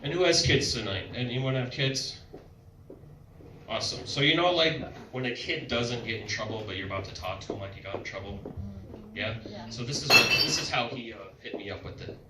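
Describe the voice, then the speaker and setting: A young man on a comedy club stage, telling loud and playful stories with sudden vocal outbursts. He sounds distant in an echoey room. Audience noise carries clearly behind him. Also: mid-range voice, brisk. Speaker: stand-up comedian. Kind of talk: stand-up comedy set. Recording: echoey club, mic heard from a distance, noisy crowd.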